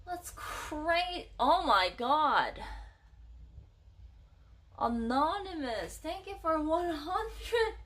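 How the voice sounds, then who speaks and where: High-pitched, playful girlish woman streamer. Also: big pitch swings, very slow, long pauses, a bit bright. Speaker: live streamer. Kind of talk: casual livestream chat, thanking subscribers.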